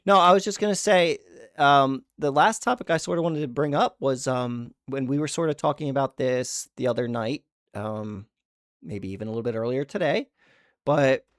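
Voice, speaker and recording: A man's voice: medium pitch, no echo. Male streamer host, casual and hyped, dry close sound. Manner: excitable, says dude and man a lot. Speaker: podcast host. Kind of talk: casual gaming chat stream.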